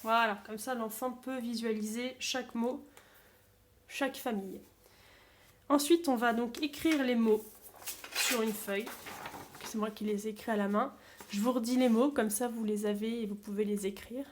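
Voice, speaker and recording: A woman teacher calmly explaining a sound-sorting game step by step for young children's parents. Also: a little high, moderate pace. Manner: calm, simple step-by-step explaining. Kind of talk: classroom game explanation video.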